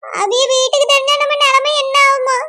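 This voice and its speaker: A woman's voice: extremely high pitch, level tone, a little fast. A woman voicing an anxious young bride with a Kanyakumari accent, fretful and self-blaming. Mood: worried. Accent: Kanyakumari Tamil. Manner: fretful, pleading questions.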